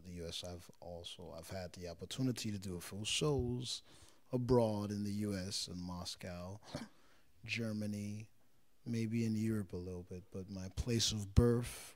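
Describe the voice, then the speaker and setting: A low-pitched man in his thirties, born and raised in Israel, talks earnestly about his life as a street singer. He gropes for words and circles back over phrases. He speaks into a handheld mic held close in a small living room. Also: gravelly, darkish tone. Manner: earnest, searching for words, repeats himself. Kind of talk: interview answers. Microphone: handheld interviewer mic.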